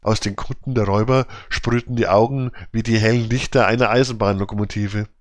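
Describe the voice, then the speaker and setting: A man's voice: on the low side, steady tone, a little fast, dry recording. Man reading a storybook aloud. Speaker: audiobook narrator. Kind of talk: scripted storybook narration.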